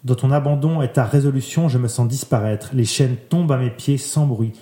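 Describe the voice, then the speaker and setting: A man reading a literary text aloud in a soft, measured way, letting his voice drop quieter at the ends of phrases. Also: medium pitch. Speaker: reader. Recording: roomy echo.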